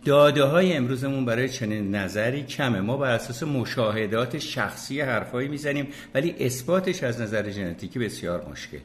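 A man's voice: mid-range voice, expressive, few pauses. An older man chatting casually as a podcast guest, opinionated and hesitant, with many fillers and restarts. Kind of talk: casual chat.

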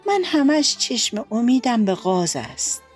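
A woman's voice: fairly high pitch, very animated, darkish tone, soft background music, voice pushed up. A woman doing a worn-out stubborn crow. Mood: determined.

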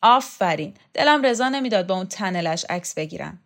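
A woman's voice: medium pitch, lively intonation. A woman playing a bossy, insistent older lady. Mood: commanding. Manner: insistent and loud, calls people hero. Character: bossy, energetic middle-aged woman organizing everyone.

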